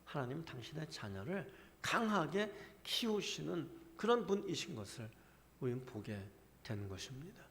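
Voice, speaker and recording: A man preaching from the pulpit in a slightly high voice, his words ringing with long reverb through a church sanctuary. He keeps turning to the congregation with rhetorical questions and drives his points home with growing force. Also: sing-song, normal speed. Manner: asks the congregation many rhetorical questions, building to forceful emphasis. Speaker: pastor. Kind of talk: sermon.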